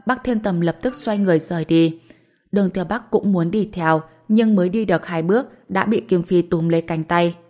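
A woman narrating an audiobook in a steady, even storytelling manner. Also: lowish voice.

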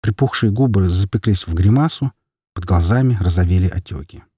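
Dark husky male narrator. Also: low-pitched, a little fast, no room sound, clean studio sound. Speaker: audiobook narrator. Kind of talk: scripted narration.

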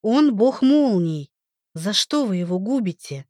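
A woman's voice: mid-range voice, very animated, a little slow, dark tone, no echo, studio quality. A woman voicing a young heroine who speaks urgently and pleads for her beloved. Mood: defiant.

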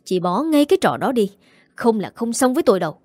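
A woman voicing a proud, domineering older mother who scolds in rapid, shrill tirades. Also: very animated, dark tone, no echo, clean studio sound. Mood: furious scolding.

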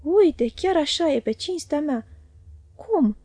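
A woman's voice: sits high, expressive, dark tone, no echo, pitched above the performer's own voice. A woman reading an audiobook and voicing a chatty, coaxing, greedy male inn waiter. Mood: jovial.

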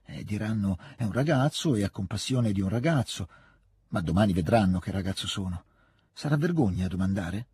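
A man voicing an eager, excitable teenage boy officer who talks in a rush, in a storybook reading. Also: mid-range voice, husky, dry recording, studio quality. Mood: timid. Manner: rushed, overeager, generous.

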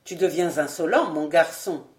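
A woman's voice: deep voice, huge pitch swings, unhurried, a little mellow, voice pushed down, heavily acted. A woman voicing a stern old nobleman who grumbles and gives orders, in a roomy-sounding storybook reading. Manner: grumbling, severe. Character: stern old male nobleman, gruff and commanding.

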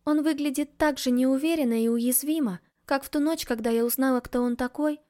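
Woman, high voice, audiobook narration, first person, steady intimate storytelling. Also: brisk.

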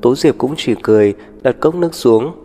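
A man narrating an audiobook in a steady, even storytelling manner. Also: medium pitch, fairly quick. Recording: long reverb with background music.

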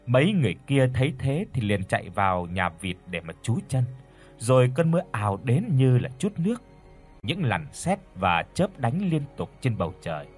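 A man telling a scripted ghost story, bringing the villagers' shouts to life as he goes. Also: medium pitch. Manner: lively, acts out villagers' shouts.

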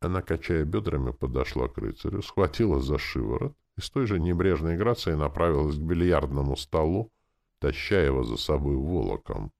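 A man narrating a first-person audiobook in an expressive, gruff manner. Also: very deep voice, fairly quick.

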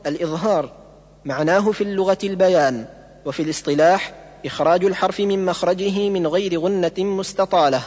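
Male teacher, reading recitation rules in a measured, point-by-point way, high voice, long reverb. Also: darkish tone. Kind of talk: read-aloud lesson on recitation rules.

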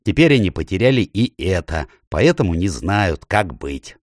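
A man's voice: deep voice, big pitch swings, moderate pace, no room sound, clean studio sound. A man voicing a scornful male dwarf chief who jeers and mocks, in a storybook reading. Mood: jeering. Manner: mocking, jeering.

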